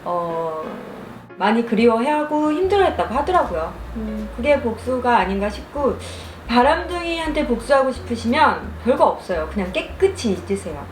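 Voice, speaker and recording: A young adult woman telling a story casually over food and drink, chewing while talking and speaking in an animated storyteller's manner. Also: a little high, moderate pace. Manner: animated storytelling, acts out quoted lines. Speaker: mukbang vlogger. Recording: roomy echo, music behind.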